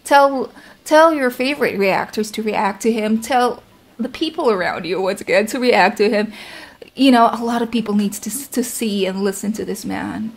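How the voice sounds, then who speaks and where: A woman's voice: medium pitch, moderate pace, vocal fry. A woman reacting to a song as a vlogger, talking in a gushing, effusive way with lots of "like" and "you know". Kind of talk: casual reaction chat.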